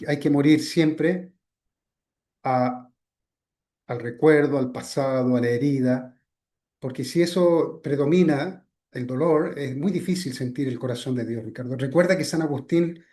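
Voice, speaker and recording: Man giving a soft-trailing spiritual talk. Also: fairly high pitch. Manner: addresses the listener by name again and again, trailing off softly after phrases; asks frequent checking questions. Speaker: spiritual teacher.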